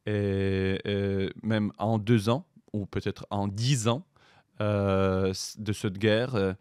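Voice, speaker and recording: Middle-aged Ukrainian man, accented French, very deep and slow, hesitant interview guest. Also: fairly even intonation, a little mellow, clean tone, dry recording, clean studio sound. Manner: hesitant, many pauses and fillers. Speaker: guest, writer and soldier. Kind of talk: podcast interview.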